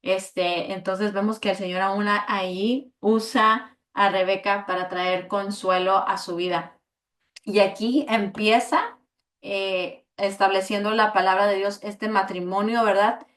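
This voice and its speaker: A woman teaching a Bible study at a middle pitch, in a flat, monotone voice. She talks evenly and fills her pauses with hesitations and tag questions. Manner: flat, even delivery with many fillers and tag questions.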